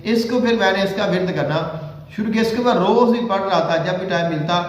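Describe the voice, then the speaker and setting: Man, Pakistani Punjabi accent, religious instruction, high voice, heavy room echo, deliberate recitation. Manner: slow, deliberate reciting of long sacred names. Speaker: Islamic spiritual healer and cleric. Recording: very echoey room.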